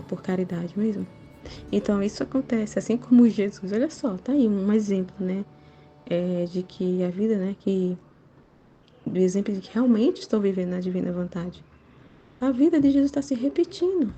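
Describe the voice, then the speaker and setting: A woman's voice: mid-range voice, vocal fry, mellow. A middle-aged woman sharing a religious testimony in a casual, earnest, rambling way, tagging nearly every sentence with a questioning "né?". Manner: repeats "né?" often, earnest and rambling.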